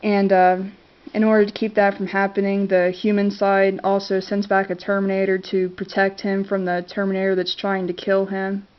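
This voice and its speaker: Her medium-pitched delivery is completely flat and moderately paced, with hardly any pauses, as this congested vlogger casually reviews favorite movies to camera. Even so, she's hesitant, with many fillers and restarts. The lo-fi audio sounds dull.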